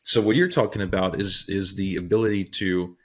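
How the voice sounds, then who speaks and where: A man's voice: low-pitched, brisk. A man hosting a podcast interview, reflecting thoughtfully and searching for his words. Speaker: podcast host.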